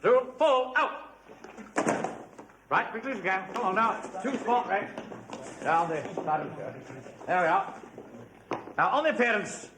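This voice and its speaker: A man's voice: high voice, expressive, normal speed, pauses often. An actor playing a pompous, impatient middle-aged English platoon captain in a sitcom, bossy and clipped in his commands. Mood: officious. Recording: echoey, noisy vintage TV studio recording.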